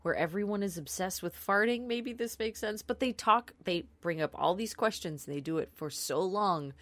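A woman's voice: medium pitch, moderate pace, fairly bright tone, no echo. A woman on a podcast panel giving wry, exasperated commentary in casual chat.

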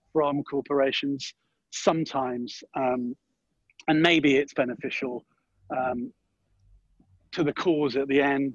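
A man's voice: medium pitch, breathy edge, no echo, dull audio. A man being interviewed, talking in a thoughtful way, often restarting and weighing both sides. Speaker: guest. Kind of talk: interview conversation.

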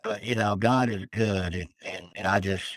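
A man's voice: fairly low pitch, steady tone, moderate pace, no echo, low-quality recording. A man calling in to share an emotional, earnest personal testimony of faith as a guest. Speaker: death row inmate guest. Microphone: phone call.

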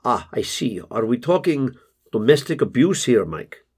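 A man doing a calm, soft-spoken male therapist. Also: mid-range voice, breathy edge. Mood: gently probing. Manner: measured, gently probing.

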